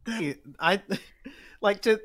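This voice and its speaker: A man's voice: high-pitched, extremely slow, fairly bright tone. A young man co-hosting a casual chat, laughing a lot and rambling with lots of filler words. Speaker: co-host.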